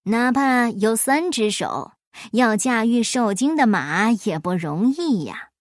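Woman doing Afanti, calm sly trickster. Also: on the high side, no room sound, studio quality. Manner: unhurried, politely mocking. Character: clever humble male folk trickster, calm and teasing. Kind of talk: storybook reading.

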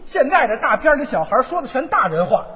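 Man, crosstalk comedian, high lively voice, long echo of a theater hall. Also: a crowd in the background. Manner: lively, muddles film plots, quick quips. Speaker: crosstalk performer. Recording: dull sound, long hall reverb.

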